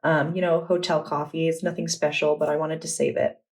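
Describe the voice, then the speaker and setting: A young adult woman vlogger chatting in a relaxed, enthusiastic way as she walks through her journal. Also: low voice, brisk. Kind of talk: casual vlog narration.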